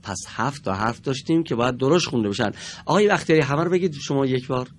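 A man teaching a televised classroom lesson in a studio, patient and encouraging with the pupils, drawing out each example word slowly and deliberately. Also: medium pitch, a little hiss or hum.

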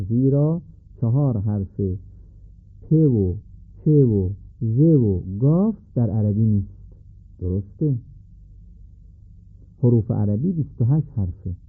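A man gives a measured lesson and often puts questions to his students. His voice is husky and a little breathy. The sound is narrow and tinny, like a phone line. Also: fairly low pitch, expressive. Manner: measured, asks questions to the listener. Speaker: teacher. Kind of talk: recorded lesson on letter pronunciation. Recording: phone-like narrow band recording.

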